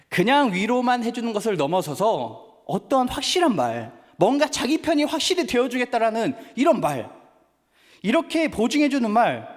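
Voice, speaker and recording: Male pastor, animated sermon delivery in a reverberant church hall. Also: high voice. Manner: animated, acts out family dialogues. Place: church sanctuary.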